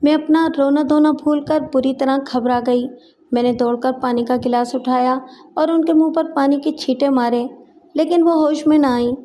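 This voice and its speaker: High, mellow-voiced woman storyteller. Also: steady tone, slight background noise. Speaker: voice-over storyteller. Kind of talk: scripted first-person story narration.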